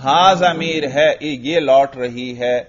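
A man's voice: mid-range voice, muffled recording. A man teaching Arabic grammar in a classroom lesson, asking questions and answering them himself step by step.

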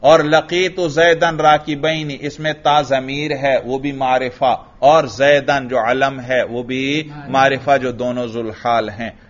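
A man's voice: medium pitch, steady tone, takes it slowly, few pauses. A man teaching a grammar lesson, drilling his class with questions and answering them himself. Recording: dull lo-fi recording.

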